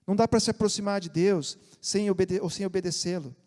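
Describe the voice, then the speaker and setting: A man with a Brazilian accent preaching a sermon as pastor, moving between loud emphasis and quiet asides. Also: high voice, fast. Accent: Brazilian Portuguese. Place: church sanctuary. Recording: long church hall reverb.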